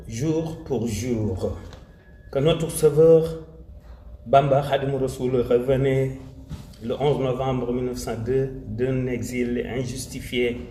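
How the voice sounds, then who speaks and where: A man's voice: mid-range voice, warm tone. A man with a Senegalese French accent gives a formal commemorative address in a solemn, emphatic way. He repeats key phrases and slips Wolof phrases into his French. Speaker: religious community speaker. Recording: roomy echo, faint ambient noise.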